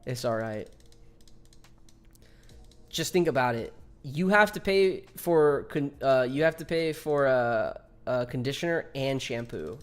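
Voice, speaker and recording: Medium-pitched and animated but unhurried, this twenty-something man keeps up laid-back live-stream chat while gaming. He trades jokes with his viewers and swears a lot.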